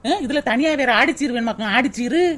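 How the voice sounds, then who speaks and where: Woman doing a high sarcastic cartoon daughter-in-law, grumbles. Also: lively intonation, fast talker, very noisy, lightly acted. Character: sharp-tongued young daughter-in-law.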